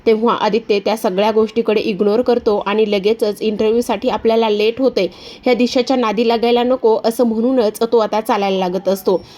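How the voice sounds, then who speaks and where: A woman's voice: fairly high pitch, fairly even intonation, a little fast, warm tone. A woman retelling a TV serial episode in a chatty, repetitive present-tense narration. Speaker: storyteller.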